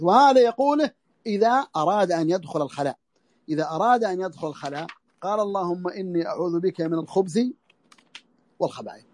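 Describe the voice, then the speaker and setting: Male religious teacher, quick delivery, dry recording, repeats key phrases. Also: high-pitched, a little mellow, no echo. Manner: repeats phrases slowly for emphasis. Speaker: Islamic scholar teaching a text. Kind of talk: religious lesson. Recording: audio lesson over the internet.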